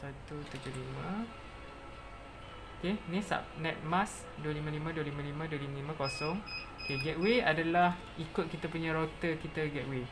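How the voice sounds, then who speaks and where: A presenter with a Malaysian accent walks through a software tutorial step by step, mixing in English technical terms. The voice is mid-range at a moderate pace, with a noisy background.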